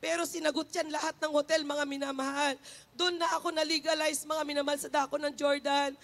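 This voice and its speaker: A woman's voice: sits high, level tone, fairly quick, gravelly, fairly bright tone. A woman giving an emotional church testimony to a congregation, fervent and often repeating a phrase of endearment to the listeners.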